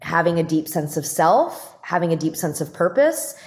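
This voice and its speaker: A woman's voice: sits low, sing-song, moderate pace. A woman doctor as a podcast guest, talking reflectively in a casual conversation with frequent fillers. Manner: reflective, talks with many fillers and "like".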